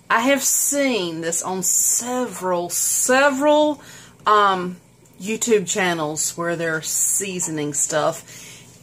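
A woman's voice: medium pitch, a bit bright. A woman, chatting casually to the camera, laughing often. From southern United States. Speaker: vlogger. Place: in a car, then at home indoors. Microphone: phone camera at arm's length.

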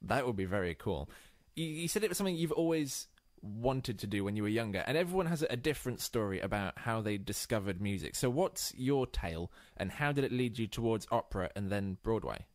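A man's voice: fairly low pitch, lively intonation, fairly quick, no echo, clean studio sound. A male radio presenter interviewing a guest with friendly questions.

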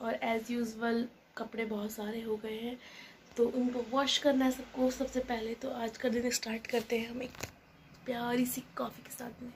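High-voiced young woman vlogging her day, chatty and a bit whiny, throat slightly sore, faint hiss behind. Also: little pitch movement, normal speed. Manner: chatty, complaining in a playful way. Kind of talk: casual vlog voice-over. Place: indoors at home.

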